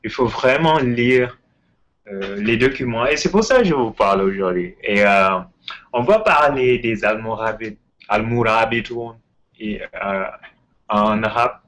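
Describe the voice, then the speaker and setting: Male host, English-tinged French accent, unhurried, hesitant and eager, lower voice. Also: a bit bright, rough recording. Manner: hesitant, many fillers and repeats; enthusiastic. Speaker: history channel host. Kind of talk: casual spoken lecture. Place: Ontario, Canada.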